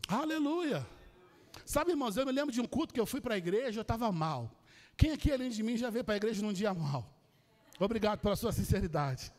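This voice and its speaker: A man with a Brazilian Portuguese accent preaching a sermon, telling a story with lively energy and calling out to the congregation. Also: sits high, quick pace, long reverb tail. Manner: animated storytelling, addresses the congregation. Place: church.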